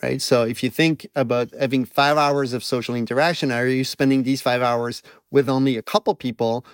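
Here a Belgian French-accented man, an emotion researcher being interviewed conversationally, describes his studies and tells a personal story with thoughtful self-deprecation. His medium-pitched voice is brisk with fairly even intonation, and the clean studio recording is dry.

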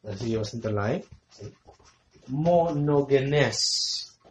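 Preacher, male, slightly high voice, emphatic teacher who repeats key words, recorded in a roomy hall. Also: lively intonation, measured pace, darkish tone, slight background noise. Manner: quizzes listeners with fill-in-the-blank questions. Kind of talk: Bible study sermon. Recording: echoey room sound.

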